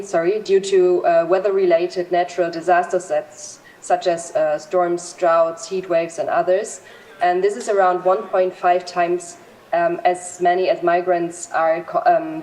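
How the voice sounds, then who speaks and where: A woman giving a conference presentation in a measured way, with many "um"s. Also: lowish voice, mellow, poor audio. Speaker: panel speaker from civil society.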